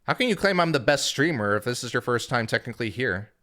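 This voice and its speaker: A man's voice: mid-range voice, fast. A young man casually chatting to his live-stream audience, rambling loosely with lots of filler words. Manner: relaxed rambling with many "like" fillers.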